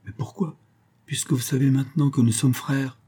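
A man voicing an easygoing half-brother who speaks in a soft, suave way. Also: mid-range voice, steady tone, normal speed, husky, pitched above the performer's own voice, close to an everyday voice. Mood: gentle, wry. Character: easygoing islander half-brother, gentle and wry.

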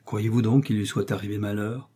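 A man's voice: lowish voice, steady tone, brisk, dark tone, husky. A man voicing Aramis, a refined, pious young male musketeer who is in pain, in a read novel. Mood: weary.

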